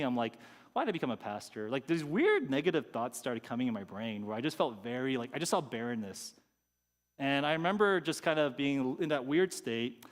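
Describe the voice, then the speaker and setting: A pastor giving a conversational sermon, sometimes acting out people's inner thoughts. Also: male voice, on the high side, big-room sound. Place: church sanctuary.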